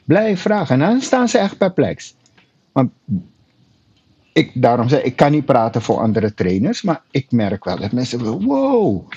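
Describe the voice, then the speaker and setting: A husky man with a lively, swooping voice, chatting casually about his work as a personal trainer. He acts out his clients' lines as he tells his anecdotes. The sound is a little dull and lo-fi. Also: medium pitch, moderate pace. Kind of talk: casual storytelling chat.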